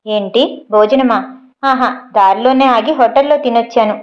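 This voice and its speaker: A woman voicing a calm young husband in an audio story, talking in an easygoing, soothing and explaining way. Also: a little high, normal speed, highs cut off, lightly acted.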